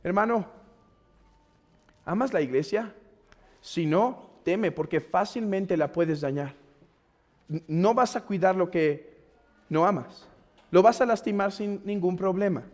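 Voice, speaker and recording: A pastor with a Mexican Spanish accent preaching a sermon, earnest and exhorting, rising to loud urging and dropping to quiet pleading. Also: male voice, high-pitched, slow, pauses often. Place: church hall. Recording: long church reverb.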